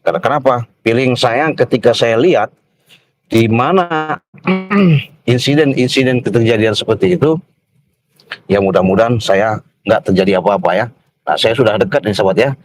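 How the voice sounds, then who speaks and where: Slow-talking man livestreaming. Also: medium pitch. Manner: slow, repetitive, tags sentences with "ya". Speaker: vlogger livestreaming. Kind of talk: casual livestream narration.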